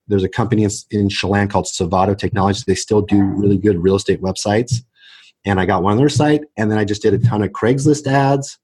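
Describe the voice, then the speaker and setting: Husky-voiced man telling his story. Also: lowish voice. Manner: animated storyteller, many restarts and "right?" tags. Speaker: real estate agent and team builder, guest. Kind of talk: casual interview talk.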